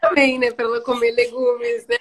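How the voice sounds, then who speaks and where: A woman's voice: fairly high pitch, little pitch movement, normal speed. A woman in a conversation, mostly adding brief affirming remarks. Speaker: conversation partner.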